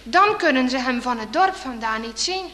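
A woman reading a children's story aloud in an expressive, suspenseful way. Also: high-pitched, normal speed, in a large hall.

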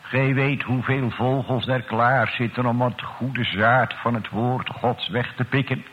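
A man leading a slow, solemn church prayer and sermon as pastor, addressing God in archaic, formal words. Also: medium pitch, steady tone. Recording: old radio broadcast, tinny, echoey church.

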